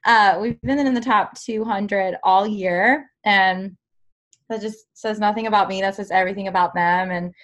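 Effusive woman giving her team a shout-out. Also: medium pitch, steady tone, moderate pace, highs cut off. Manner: effusive, heartfelt, soft trailing phrases.

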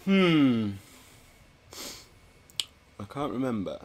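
Male quiz contestant, ordinary mid pitch, hesitant, thinks out loud. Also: sing-song, drawn-out words, a little hiss or hum. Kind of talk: casual podcast chat.

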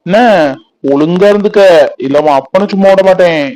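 A man's voice: high voice, moderate pace, warm tone, no echo, lightly acted, low-quality recording. A young man, playing a teasing, boastful village youth who dotes on his sweetheart. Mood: stern. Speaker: actor in a family fan drama. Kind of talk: village romance drama acting.

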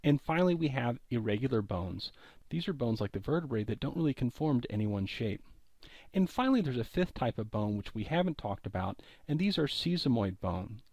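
A man giving a recorded college lecture, explaining terms clearly and often recapping earlier points. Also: medium pitch, sing-song, a little fast, darkish tone, no echo.

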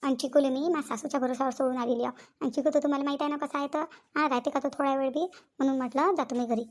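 A woman's voice: high voice, fairly even intonation, rapid-fire, close to an everyday voice. A woman doing a chatty Vidarbha village sister-in-law. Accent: Varhadi Marathi, Vidarbha. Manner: talkative, explains at length. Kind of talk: cartoon voice acting.

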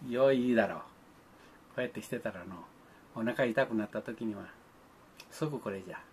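A man's voice: fairly low pitch, normal speed, pauses often, a little mellow, husky. An older man, talking to children in a folksy, grandfatherly way, with old-fashioned speech and playful sound effects. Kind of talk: folksy monologue to the camera.

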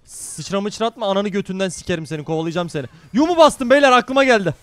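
A man streaming a game live, talking to his chat in a brash, excitable, foul-mouthed way. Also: high voice, fast talker, dry recording. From Turkey. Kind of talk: live gaming stream commentary.

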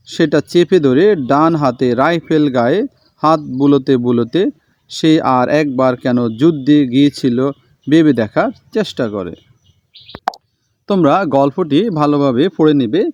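A man teaching a school language lesson, reading aloud slowly and repeating each word for his students. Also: medium pitch, darkish tone, no echo. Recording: dull lo-fi sound.

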